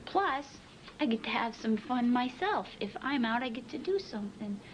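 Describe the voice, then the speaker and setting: A woman therapy patient speaking softly in unhurried, childlike wording. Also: a little high, expressive, a little hiss or hum, poor audio.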